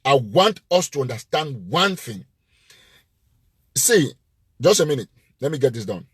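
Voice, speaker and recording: A man's voice: mid-range voice, sing-song, measured pace, husky, no echo, clean studio sound. A man hosting a live show, giving an impassioned, emphatic address that repeats its points with rising force. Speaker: live-show host and political commentator.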